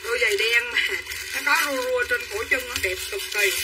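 Recorded from a distance with faint room noise, a woman with a fairly high voice pitches clothes on a livestream at normal speed. Her patter is repetitive and hard-selling, and she calls out buyers by name.

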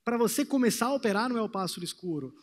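Thirties guy on stage w headset mic, kinda high voice, big hall echo. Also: expressive, very fast. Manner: reflective, gestures while pacing the stage. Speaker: trading course presenter. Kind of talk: motivational talk on stage. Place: large conference hall with audience. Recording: hall reverb.

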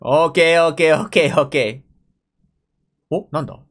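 A young Japanese man with a fairly high voice and a moderate pace streams anime reactions from a gaming chair in a room at home. Into his desk mic, he mutters casual commentary to himself with frequent exclamations while watching.

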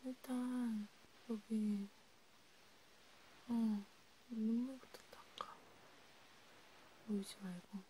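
A woman speaks in a whispered role-play, her voice a little high and mellow in tone. She talks very slowly and softly, soothing the listener and sinking into breathy whispers between quiet spoken phrases. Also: steady tone, a little hiss or hum, low-quality recording. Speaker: ASMR creator.

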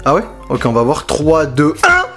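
An excitable young man with a French accent talks viewers through a card opening. He chats like he's with his buddies and keeps breaking into loud, giddy outbursts. Clear music plays under his voice the whole time. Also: on the high side, moderate pace. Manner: excitable, bursts into loud exclamations over cards; chatty, addresses viewers as buddies. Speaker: card-opening video host. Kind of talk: casual card-opening commentary.

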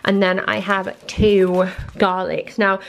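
Young mum rambling thru her shopping in the kitchen, gravelly fry in her voice. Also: mid-range voice, little pitch movement, takes it slowly, a little hiss or hum. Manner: bubbly, rambling, laughs at herself. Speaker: vlogger. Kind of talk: chatty grocery haul narration. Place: home kitchen.

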